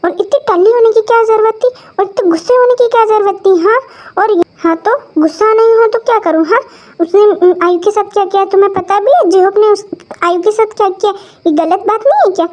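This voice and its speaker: A woman's voice: very high voice, a little fast, darkish tone, voice pushed up. Woman voicing a bossy, scolding young woman. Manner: scolding, exasperated. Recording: dull lo-fi recording.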